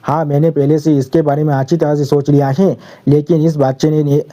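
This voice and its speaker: Male narrator voicing an arrogant young genius of a clan, boastful. Flat, dark read. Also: fairly high pitch, fairly quick, lightly acted. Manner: boastful and defiant.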